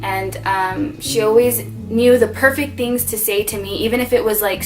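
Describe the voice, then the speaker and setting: Young woman talking to her camera, soft and teary, lots of ums, faint music under it. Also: mid-range voice. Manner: soft, tearful, many fillers. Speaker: beauty vlogger. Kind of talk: emotional personal vlog.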